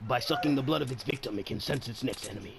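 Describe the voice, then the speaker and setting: A man voicing a solemn, awed nature documentary narrator in a deliberate, dramatic mock-wildlife commentary. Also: mid-range voice, vocal fry, crowd noise, pitched below the performer's own voice, close to an everyday voice. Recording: music behind the voice.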